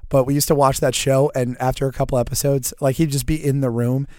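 Hoarse, fast-talking man, drill-instructor rasp. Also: mid-range voice, flat delivery, a little mellow, no room sound, studio quality. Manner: blunt, profane. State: hoarse from recently losing his voice. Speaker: podcast co-host. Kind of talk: casual podcast banter.

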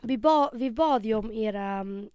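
Young woman podcast cohost, kinda high smooth voice, acts out all the quotes, dry close mic. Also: dry recording. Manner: animated storytelling with acted quotes. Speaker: podcast co-host. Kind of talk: casual chat.

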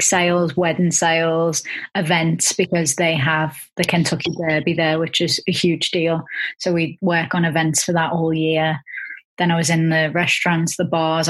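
Husky woman, lowish voice. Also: poor audio. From Liverpool, England. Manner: relaxed, chatty, with fillers. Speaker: guest entrepreneur. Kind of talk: casual interview.

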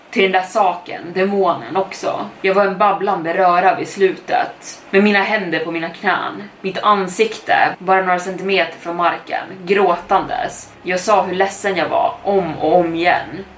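A woman telling a first-person horror story as a podcast storyteller, in a measured, suspenseful reading. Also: fairly low pitch, steady tone. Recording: echoey room, distant mic, faint noise.

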